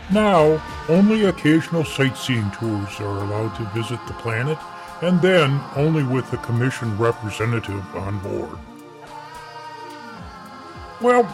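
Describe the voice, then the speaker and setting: A man's voice: medium pitch, lightly acted. Brief: man as a vain alien host, theatrical and lofty, music bed behind. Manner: grandiose, theatrical. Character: boastful alien broadcaster visiting Earth. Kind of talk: story narration in character.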